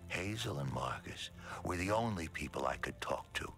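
An actor voicing a gentle, wistful old bearded man in a video game, speaking in a soft, hushed, gravelly voice. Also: very deep voice, animated, normal speed, faint music behind, full character voice. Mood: sorrowful. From Hungary.

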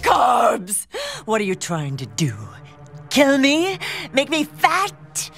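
A vain, tyrannical magazine boss from a cartoon. She is high-voiced and wildly swooping, stretching words with imperious melodrama over clearly audible music. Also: huge pitch swings, fairly bright tone, exaggerated voice. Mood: outraged, imperious. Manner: imperious, melodramatic, drawn-out emphasis. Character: haughty, tyrannical pink-obsessed magazine boss, vain adult woman. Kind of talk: cartoon voice acting.

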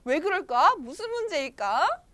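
A woman's voice: very high voice, very animated, moderate pace, fairly bright tone. A woman reading an English storybook aloud to children and explaining it, quizzing her young listeners in a sing-song way.

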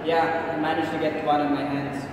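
A man's voice: on the high side, little pitch movement, moderate pace, lightly acted. Teen boy playing a coaxing, scheming schoolboy, noisy. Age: teens. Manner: calculating, coaxing. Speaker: student bargaining with a friend. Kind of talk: student short film acting. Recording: loud background noise.

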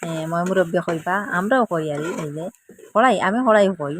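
A woman's voice: on the low side, expressive, fairly quick, slight background noise. Chatty Sylheti village woman vlogger. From Assam, India. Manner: chatty, homely, repeating words for emphasis. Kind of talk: casual cooking vlog, explaining dialect words. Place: village home kitchen.

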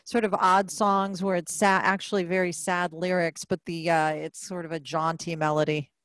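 A woman's voice: fairly low pitch, little pitch movement, normal speed, a bit bright, dry recording. A woman singer-songwriter chatting between songs on a stage, rambling a little and laughing. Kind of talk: casual on-stage chat. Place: community cultural center stage.

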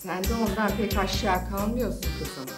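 An actress playing a middle-aged mother in a sitcom who gently scolds her family. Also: mid-range voice, moderate pace, over music, natural voice. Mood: chiding. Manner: motherly, chiding. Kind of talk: sitcom acting.

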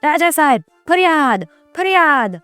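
A woman's voice: mid-range voice, normal speed, dry recording, soft background music, lightly acted. A woman voicing a shrewd male village barber who bargains and cries out for justice. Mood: indignant.

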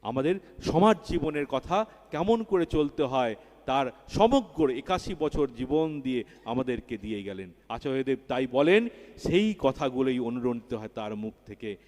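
Fervent preacher in an echoing hall. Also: male voice, mid-range voice, lively intonation, normal speed, a little mellow. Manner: fervent, repeats key words and rises in emphasis. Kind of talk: devotional sermon. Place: large hall at a religious festival. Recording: long hall reverb.

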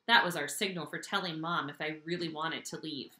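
A woman reading a children's novel aloud with expressive, animated storytelling, recorded in an echoey room. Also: sits low, a little fast. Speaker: audiobook reader.

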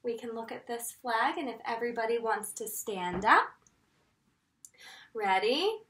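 An American woman in her thirties leading a lesson for young children as their teacher, with a singsong, encouraging manner and drawn-out emphasis. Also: fairly high pitch, expressive, a bit bright, slight background noise. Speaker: preschool teacher leading circle time. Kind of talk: children's lesson with call-and-response. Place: indoor room at home, in front of wall board. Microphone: camera a couple of metres away. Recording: roomy echo, distant microphone.

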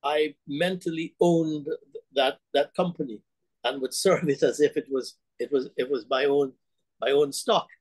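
Reflecting on his past for a remote interview, an older man from Guyana who runs a bank speaks from a home room at a measured pace, his voice on the high side with a darkish tone. He hesitates, restarts, and leans on fillers, and the webcam audio is poor though free of room sound.

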